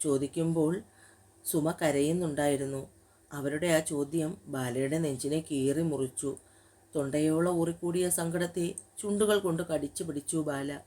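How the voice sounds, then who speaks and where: A woman storyteller calmly reading a romance audio story. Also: sits low, normal speed.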